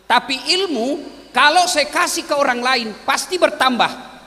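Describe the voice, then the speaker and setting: A man's voice: moderate pace, long reverb tail. A man preaching a humorous sermon to students, telling stories animatedly and acting out the characters. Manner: animated storytelling, acting out characters with big pitch swings.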